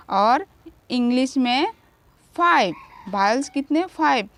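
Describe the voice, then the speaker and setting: A woman teacher giving a grammar lesson to children, asking questions and answering them herself. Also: high-pitched.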